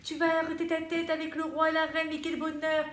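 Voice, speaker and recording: A woman voicing a shrill, scheming wife. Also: a little fast. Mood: scheming, gleeful. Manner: shrill, excited, pushy. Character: scheming wife egging on her husband. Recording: roomy echo, faint noise.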